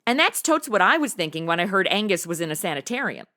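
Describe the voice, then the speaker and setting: An American woman hosts a podcast in a chatty, semi-scripted interview format, sounding sassy, slangy and playful. Her medium-pitched voice has a sing-song lilt, and she talks fast with a bright, forceful tone.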